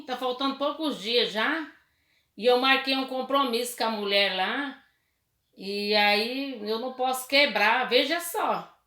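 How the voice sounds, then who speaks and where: A woman's voice: medium pitch, bright, forceful tone, echoey room. Woman telling an emotional testimony. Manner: emotional storytelling, many restarts and tag questions. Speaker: churchgoer giving a testimony. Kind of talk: personal testimony.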